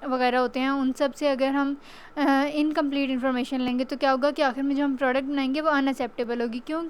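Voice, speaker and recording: High-voiced woman lecturing with little melody. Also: a little hiss or hum, rough recording. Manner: explains step by step, slows right down reading English slide text. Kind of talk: exam-prep lecture.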